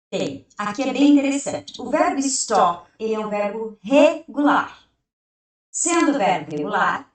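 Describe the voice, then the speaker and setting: A woman teaching an English grammar lesson who explains step by step, asks and answers her own questions, and reads the example sentences out slowly. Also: medium pitch. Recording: very echoey room, heard from a distance.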